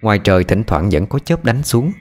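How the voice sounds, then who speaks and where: A man narrating a scripted ghost story in an expressive, suspenseful reading. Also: on the low side, fairly quick, faint music behind.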